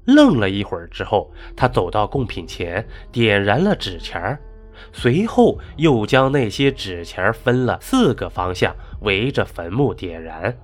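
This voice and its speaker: A man's voice: lowish voice, very animated, a little slow, soft background music. A man narrating a folk ghost story in a dramatic, rising and falling delivery.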